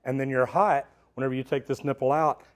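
Talking fairly quickly in a steady, mid-range voice, a middle-aged man who's a plumber gives a hands-on instructional demo in a metal-walled storage unit. He stays plain-spoken and practical on his lapel mic, calling the viewers "guys."

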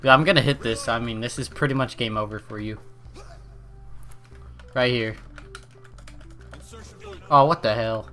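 A man's voice: medium pitch, a little slow, pauses often, pushed and bright, soft background music. A young man giving casual gaming commentary for his channel, joking, teasing his friend and swearing casually. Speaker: gaming YouTuber.

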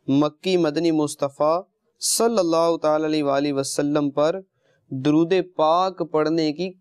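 Seated on carpet among children in an indoor studio set, a man hosting a children's programme tells religious stories and moral lessons, teaching directly and addressing his listeners with questions and pet phrases. His voice is a little high with a darkish tone, in studio quality with no room sound.

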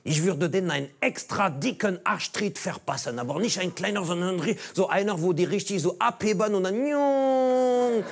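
A man's voice: high-pitched, normal speed, gravelly, hardly any pauses. French-accented man doing playful stand-up. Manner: playful, mock-naive, teasing. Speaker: comedian and show host. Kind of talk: stand-up monologue and street interviews. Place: small cabaret stage with audience. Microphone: lapel mic.

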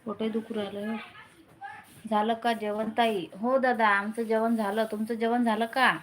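A woman's voice: fairly high pitch, flat delivery, normal speed, a little hiss or hum. A woman with a Vidarbha Marathi accent hosting a casual live stream from home on her phone, urging viewers to comment. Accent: Marathi from Vidarbha region. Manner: urges viewers to comment, chats with family off-camera.

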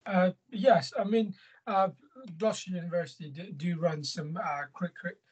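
A man's voice: high voice, steady tone, moderate pace, a little mellow, breathy edge, poor audio. A young man from Afghanistan, a scholarship student and boxer, speaking in a hesitant way with many fillers on a video call from a small room at home. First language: not English. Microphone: laptop webcam, video call.

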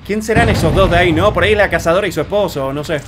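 A young man with an Argentine accent commenting on his own gameplay, excitable and quick to shout or laugh. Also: sits high, very noisy. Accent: Argentine Spanish. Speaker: streamer.

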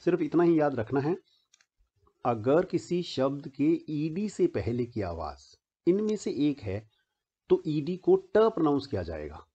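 A man from Haryana in India teaching pronunciation in Hindi, repeating each example word slowly and deliberately. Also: on the high side, very animated, dark tone, breathy edge. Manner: slow, deliberate, repeats example words one by one. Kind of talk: slow spoken grammar lesson. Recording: muffled lo-fi recording.

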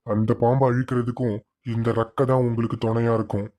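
A man's voice: medium pitch, little pitch movement, fairly quick, a little mellow, lightly acted. A man voicing a solemn old guru. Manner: solemn, warning. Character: wise old male guru giving a charm. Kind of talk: cartoon voice acting.

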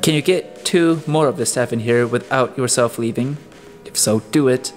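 A man reading the part of a hard-edged, suspicious detective from Earth. He presses with pointed questions and snaps out orders in a low, firm voice. Soft music sits behind. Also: steady tone, normal speed, lightly acted. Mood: commanding suspicious. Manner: blunt, commanding, probing.

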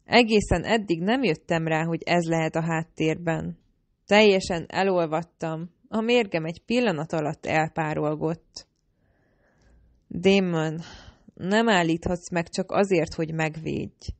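Hangoskönyvet felolvasó nő. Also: female voice, low-pitched, no echo. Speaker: audiobook narrator. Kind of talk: first-person audiobook narration.

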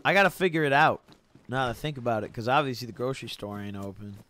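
A man's voice: mid-range voice, fast talker, a bit bright. A young man chatting casually on a gaming live stream in a slangy frat-bro manner, swearing freely and calling everyone bro and dude. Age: young adult. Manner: frat-bro slangy, laid-back hype with "bro", "dude", "boys".

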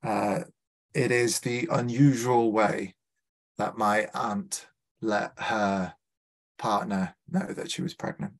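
Scouse guy reading his poems at a lit fest, lowish voice, takes it slow, few ums between poems. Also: fairly even intonation. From Liverpool, England. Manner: measured, deliberate reading with small hesitant fillers between poems. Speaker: poet. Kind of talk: live poetry reading with spoken introductions. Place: literary festival event.

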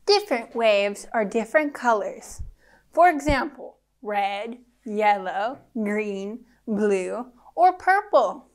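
A young adult woman presents a children's science lesson, reading simple scripted English slowly and carefully with pauses between phrases. Her mid-range voice stays animated.

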